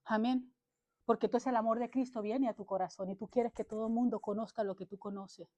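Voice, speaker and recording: Her voice sits a little high, warm and steady, and she moves at a brisk clip. This woman preacher delivers an impassioned, exhorting sermon, hammering each point and dropping "amén" between phrases, while the church service streams live on social media.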